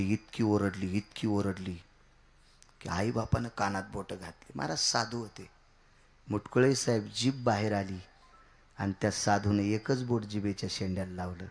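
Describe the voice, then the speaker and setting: A man preaching a devotional kirtan sermon, swinging from loud shouts to low murmurs and repeating key words for emphasis. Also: fairly even intonation, moderate pace.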